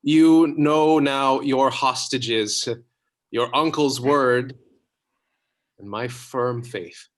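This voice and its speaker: An actor playing an earnest, tender young prince in love, speaking stage verse. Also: male voice, mid-range voice, drawn-out words.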